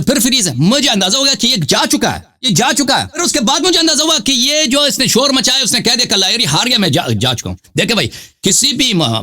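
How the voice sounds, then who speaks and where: A man argues his case in a heated debate, repeating phrases and pressing on when cut off. His voice sits high and moves a lot in pitch. The tone is bright and forceful. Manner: insistent, talks over interruptions, repeats phrases. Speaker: religious debater and channel host. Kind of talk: heated live debate on a call.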